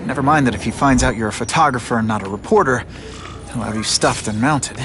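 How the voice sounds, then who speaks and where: An actor playing an earnest young photographer and secret superhero in a video game, boyish, tentative and conversational. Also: male voice, mid-range voice, fast, music in the background, close to an everyday voice. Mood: self-coaching.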